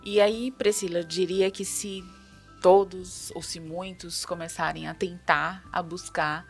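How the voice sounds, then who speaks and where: A woman with a Brazilian Portuguese accent hosting an interview, agreeing warmly and asking leading questions. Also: on the low side, little pitch movement, a little slow, soft background music. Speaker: host. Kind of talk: conversational interview.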